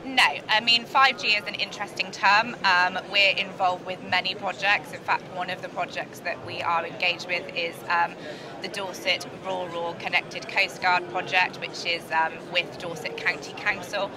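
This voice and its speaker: Her voice is lowish and steady as this middle-aged British sales and marketing director gives a promotional interview on a big indoor trade show floor. She explains things in a measured corporate style into a chest-level handheld mic, with the hall noisy and busy behind her.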